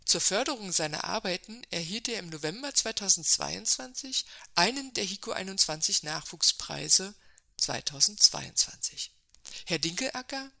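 A woman with a very bright, somewhat low voice hosts an academic podcast. She reads her introductions in a formal, measured style. She is recorded close on a studio mic. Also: animated, vocal fry. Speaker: podcast host. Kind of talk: scripted interview introduction.

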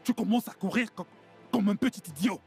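An actor playing a domineering, indignant street gang boss in a dubbed film drama, scolding emphatically. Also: male voice, high-pitched, lively intonation, a little fast, vocal fry, a little mellow, faint music behind. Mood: angry scolding. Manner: scolding, emphatic, repeats himself.

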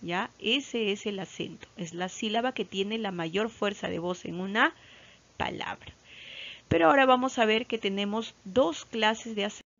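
A woman's voice: mid-range voice, no room sound. A woman teacher from Peru, with a Peruvian Spanish accent, giving a patient lesson to children and often checking that they follow. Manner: slow and patient, repeats key words, checks with "¿ya?"; stretches out example words loudly. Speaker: primary school teacher. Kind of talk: recorded classroom lesson. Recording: slightly dull lo-fi recording.

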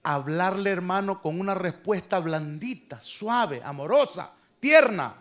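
A man preaching a sermon as pastor to his church, talking conversationally and calling his listeners brother, swinging from soft asides to loud emphatic lines. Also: sits high, animated, a little slow. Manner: conversational preaching, often addressing "hermano".

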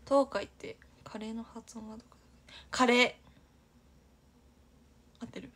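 A woman's voice: on the high side, steady tone, fast talker, darkish tone, breathy edge. A young woman from Aichi hosting a casual livestream, chatty and giggly, reading viewer comments aloud and often dropping to a near-whisper. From Aichi, Japan. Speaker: idol livestream host.

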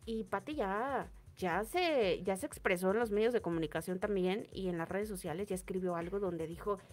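Chatting into a desk-mounted studio microphone in a small radio booth, this young Mexican-accented entertainment co-host trades celebrity gossip and retells scenes in other people's voices. Her voice sits mid-range at a moderate pace.

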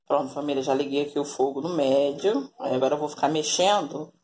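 A woman's voice: deep voice, brisk, darkish tone, a little hiss or hum. A Brazilian woman in her forties, chatting through a cooking vlog at home and often calling her viewers family. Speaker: vlogger. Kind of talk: casual cooking vlog narration. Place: home kitchen, then outdoors in a yard. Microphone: phone camera held at arm's length.

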